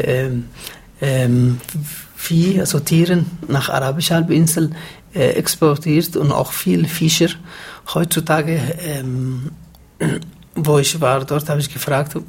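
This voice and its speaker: Man, Somali accent, somewhat high voice, husky, hesitant with many fillers. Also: darkish tone. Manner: halting non-native German, many fillers. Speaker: interview guest. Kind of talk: radio interview answers.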